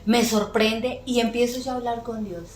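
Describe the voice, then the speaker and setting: A woman's voice: on the high side, fairly even intonation. Middle-aged woman telling an emotional testimony. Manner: earnest, emotional storytelling with many pauses and fillers. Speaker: podcast guest. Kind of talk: personal faith testimony. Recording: echoey room with faint music.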